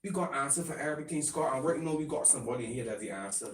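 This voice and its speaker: Animated man on radio. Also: medium pitch, very fast. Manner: animated, rising to loud excited bursts. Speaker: radio co-host. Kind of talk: casual radio talk. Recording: roomy studio, distant mic, faint noise.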